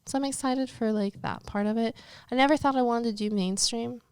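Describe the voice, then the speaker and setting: A woman's voice: a little high, fairly quick, darkish tone, clear, resonant tone, no room sound. Woman guest on a podcast, chatty, swears a lot, laughs easy, dry sound. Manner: chatty, profane, laughs easily. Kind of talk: casual interview chat.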